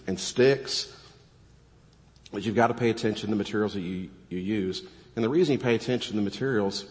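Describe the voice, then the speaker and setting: A middle-aged male pastor preaching a sermon with a hoarse, coughing voice, mixing joking asides with earnest exhortation. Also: on the low side, big-room sound. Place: church sanctuary.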